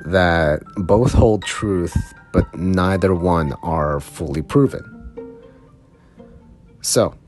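A man hosting a casual solo podcast, rambling and self-mocking, stumbling over words and laughing at himself. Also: deep voice. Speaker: podcast host.

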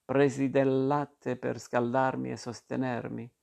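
Male audiobook narrator, mid-pitched, gravelly, even, unhurried literary reading.

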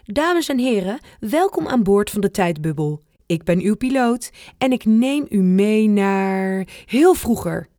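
A woman's voice: mid-range voice, lively intonation, unhurried, mellow, dry recording, clean studio sound, close to an everyday voice. A woman voicing a playful, secretive grandfather near retirement who sometimes grumbles, reading a children's storybook aloud. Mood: mock-formal. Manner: cheerful, conspiratorial, sometimes grumbling.

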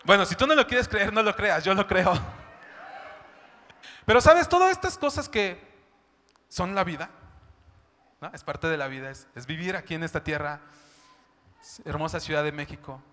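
A man's voice: sits high, animated, normal speed, long pauses, sharp tone. A man preaching a sermon, talking in a chatty way and often asking "¿no?". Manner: conversational, keeps asking "¿no?" and "¿sabes?". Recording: long hall reverb.

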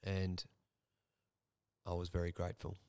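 Frank young man, low smooth voice. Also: completely flat delivery, unhurried, a little mellow, dry recording. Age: young adult. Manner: frank, swears freely. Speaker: podcast host. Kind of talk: candid personal storytelling.

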